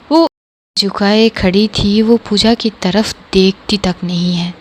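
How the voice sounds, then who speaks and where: A woman narrating a romantic drama story in a dramatic, conversational way. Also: medium pitch. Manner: dramatic, conversational, many fillers like "jo hai".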